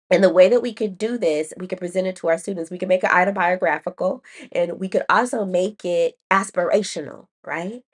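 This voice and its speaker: A woman's voice: on the low side, normal speed, husky. A woman educator hosting a podcast, explaining a writing lesson in a chatty way, laughing at herself, with many ums and restarts. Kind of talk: casual teaching talk.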